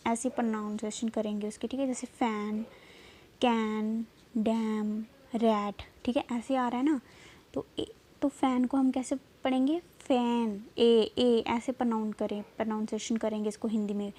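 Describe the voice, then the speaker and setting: A woman teaching a basic lesson, slowing down to spell out letters and often checking in with "okay". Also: a little high, dark tone. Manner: repeats "theek hai" often, slow and drawn-out when spelling letters. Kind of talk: classroom lesson.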